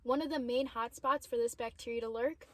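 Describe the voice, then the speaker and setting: A woman's voice: a little high, fairly even intonation, brisk, a bit bright. A young woman reporting for student news in scripted narration.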